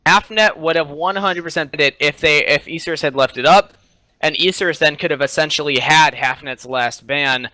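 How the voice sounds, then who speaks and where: Bright crisp-voiced male esports caster. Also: a little high, normal speed, dry recording, low-quality recording. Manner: confident, opinionated, hesitant fillers. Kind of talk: color commentary.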